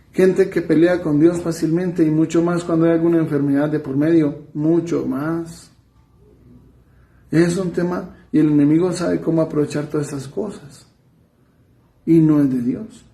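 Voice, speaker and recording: Colombian priest giving a homily, fairly high but mellow voice, chatty preaching, echoey room. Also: male voice. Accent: Colombian Spanish. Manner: conversational preaching, soft trailing asides, quick runs then slow emphasis. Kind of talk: sermon.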